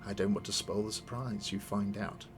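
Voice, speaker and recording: Man acting captured video game villainess, sputtering foiled-villain menace, scornful, proud, lowish pitch. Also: flat delivery, normal speed, music in the background, lightly acted. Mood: mocking. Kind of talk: dramatic read-aloud of video game dialogue.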